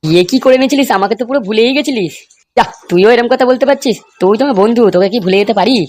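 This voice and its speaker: A woman voicing men in a crude comic cartoon, talking in rapid, coarse, scolding banter. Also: on the high side, darkish tone.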